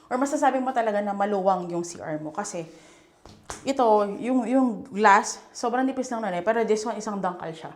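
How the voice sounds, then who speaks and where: A young Filipino woman leading a chatty, enthusiastic house tour, mixing English and Tagalog. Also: a little high. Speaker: real estate agent giving a house tour. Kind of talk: casual walkthrough tour.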